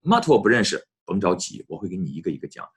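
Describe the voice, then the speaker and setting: A man with a very low, husky voice teaches English. His pitch moves a lot as he talks to his students. He slows down to repeat phrases clearly. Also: very animated. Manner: repeats phrases slowly, addresses students often. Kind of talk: online English lesson.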